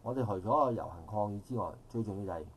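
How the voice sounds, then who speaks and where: This middle-aged audience member talks fast in a voice on the low side, delivering a long public comment at an outdoor park forum. His Hong Kong Cantonese accent comes through as he rambles formally and revises himself often. There's a little hiss or hum.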